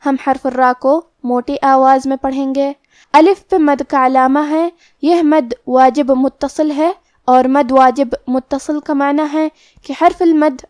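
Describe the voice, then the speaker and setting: High-voiced woman teaching Quran recitation. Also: darkish tone, dry recording, clean studio sound. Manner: measured, explains each letter and rule step by step. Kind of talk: tajweed lesson.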